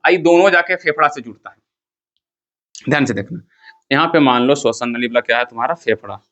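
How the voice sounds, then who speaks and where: A man's voice: medium pitch, brisk, a bit bright, muffled recording. A man teaching a class, firing questions at the students and repeating the key terms. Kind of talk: classroom lecture.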